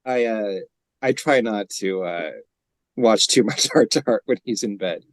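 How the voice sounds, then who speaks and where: A man's voice: fairly low pitch, a little slow, no echo. A man co-hosting a podcast, rambling in casual chat with frequent laughs. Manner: rambling, laughs often, drops into gravelly impressions. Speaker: podcast co-host.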